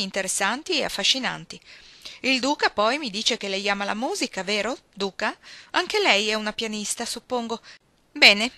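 Woman voicing a booming, effusive society matron. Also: bright, forceful tone, no room sound. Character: Mrs Struthers, loud flamboyant older society woman.

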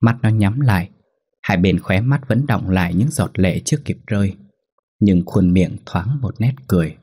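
Low, husky storyteller man. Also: animated, moderate pace, dark tone. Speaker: narrator. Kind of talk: scripted ghost story narration.

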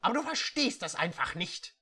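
A reader voicing a young woman heroine in a mock-dramatic fan fiction reading, speaking high, strained and emphatic. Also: very animated, normal speed, bright, forceful tone, husky, full character voice. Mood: defiant.

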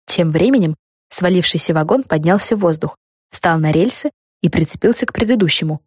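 A woman narrating a children's storybook in a calm, even way. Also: fairly low pitch, a little fast, slightly rough, no room sound, studio quality. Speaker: audiobook narrator.

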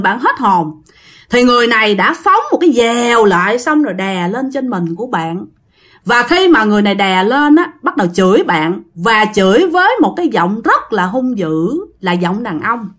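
A woman with a Southern Vietnamese accent narrates a ghost story in a chatty way, talking straight to her listeners. Her voice sits fairly high and moves around a lot. She sounds casual and conversational. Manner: chatty, talks directly to listeners.

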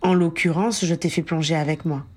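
A woman's voice: sits low, steady tone, fairly quick, darkish tone, husky. A woman reading the lines of Owen, a wryly joking man who works alongside the hero, in an audiobook. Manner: wry joking.

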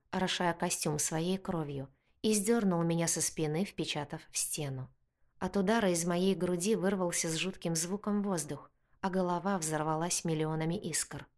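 A woman reading a first-person fantasy story aloud with expressive storytelling. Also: fairly low pitch. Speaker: audiobook narrator.

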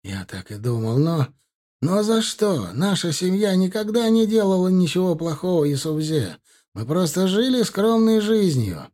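A man voicing a frightened old villager who pleads in high, strained cries. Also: sing-song, moderate pace, dark tone. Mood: desperate pleading.

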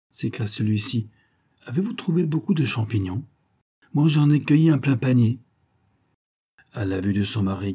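A man calmly narrating a novel as an audiobook reader, measured and even. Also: lowish voice, husky.

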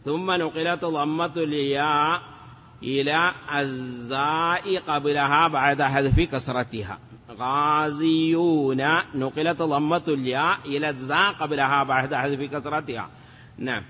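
A man's voice: a little high, normal speed, sharp tone. A man teaching Arabic morphology in a lesson, chanting word forms and asking rhetorical questions. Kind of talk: classroom lesson. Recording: dull lo-fi sound with long reverb.

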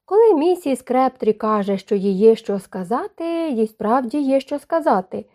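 Woman reading a gruff, blunt old caretaker. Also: high voice, expressive, moderate pace, mellow. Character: sturdy stern older man, gruffly blunt.

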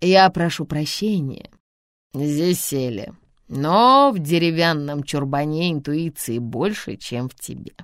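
A woman voicing a bossy, sharp-tongued old grandmother, sarcastic and scolding in an audiobook reading. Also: sits low, animated, slow pace, no room sound, clean studio sound.

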